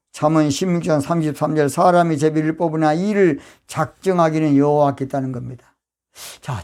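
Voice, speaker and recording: Fiery older Jeolla-accented pastor preaching. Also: male voice. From Yeosu, Jeolla province, South Korea. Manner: fiery and emphatic, with sudden loud high outbursts. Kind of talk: sermon.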